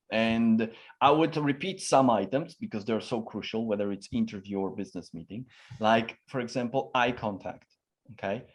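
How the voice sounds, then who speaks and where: A man answering interview questions as a communication expert, talking emphatically with lots of tonal variation and frequent fillers. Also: lowish voice. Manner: emphatic, varies his tone a lot, frequent fillers.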